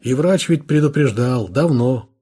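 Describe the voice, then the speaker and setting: A man's voice: medium pitch, unhurried, warm tone, breathy edge. A man voicing a young plain-spoken police officer who mixes Ukrainian words into his speech, in an audiobook. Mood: casual. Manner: speaks mixed Ukrainian-Russian slang.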